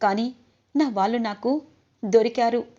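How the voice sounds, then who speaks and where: A woman's voice: on the high side, a little slow, mellow, lightly acted. Woman reading as a heartbroken devoted young woman. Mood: pleading. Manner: pleading, emotional. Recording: slightly dull lo-fi audio.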